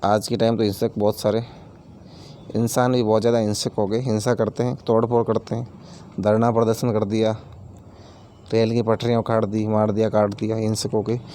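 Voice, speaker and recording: A man's voice: lowish voice, flat delivery, moderate pace, warm tone, a little hiss or hum. A man teaching a grammar lesson, explaining each word with everyday examples and repeating key terms, addressing viewers as friends.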